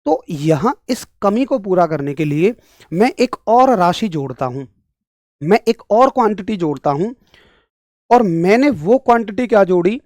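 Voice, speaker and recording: A man's voice: high-pitched, a little mellow, no echo, studio quality. A young man teaching an online exam-prep physics class, talking straight to his students, repeating points and pressing them for answers. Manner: talks straight to students, scolding then explaining; emphatic, repeats points, asks for yes or no.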